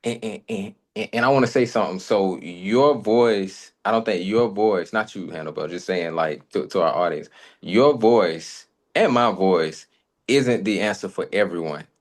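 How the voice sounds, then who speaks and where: A man co-hosting a podcast in relaxed, friendly conversation, circling back over his points as he talks. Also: deep voice, moderate pace. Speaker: podcast co-host. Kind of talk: casual conversation.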